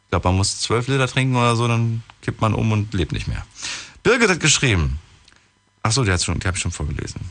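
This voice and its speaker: A man's voice: lowish voice, big pitch swings, fast, fairly bright tone. A young man hosting a casual radio call-in show, reading listener emails aloud and chatting with callers.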